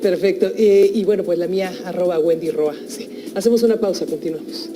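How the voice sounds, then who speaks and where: A woman radio host briskly managing the segment break. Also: fairly low pitch, music in the background. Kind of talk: radio talk show, wrapping up.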